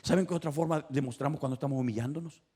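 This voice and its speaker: A man preaching an evangelical sermon in a church, swinging between shouted exhortations and hushed asides and repeating his points with emphasis. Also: on the high side, very fast, husky. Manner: emphatic and repetitive.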